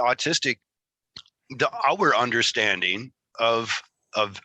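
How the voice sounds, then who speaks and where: A man's voice: medium pitch, pushed and bright, no echo, poor audio. A man with a Michigan Great Lakes accent hosting a casual interview in a rambling, self-deprecating way. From Michigan, United States. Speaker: interview host.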